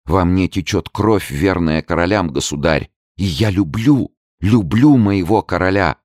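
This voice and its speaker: A man's voice: deep voice, unhurried, darkish tone, dry recording, clean studio sound, pitched above the performer's own voice. A man reading the part of a desperate young woman who pleads fervently and tearfully with a king, in an audiobook. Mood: pleading desperate.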